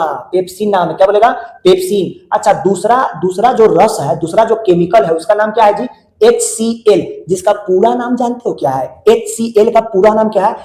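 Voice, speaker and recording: A man's voice: sits high, dark tone. A male teacher, drilling students with repeated call-and-response questions in colloquial speech. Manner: repeats words many times, colloquial. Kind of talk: classroom lesson. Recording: echoey room.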